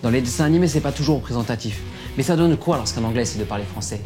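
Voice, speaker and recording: A man's voice: mid-range voice, expressive, rapid-fire, over music. A man hosting a video, narrating in a chatty, teasing way and talking straight to the viewer. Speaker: video host. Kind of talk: casual narration.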